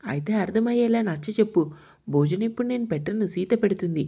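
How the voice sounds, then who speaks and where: A man's voice: high-pitched, animated, fast talker, vocal fry, warm tone, breathy edge, lo-fi sound, full character voice. A woman voicing a blunt, protective young man. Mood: annoyed.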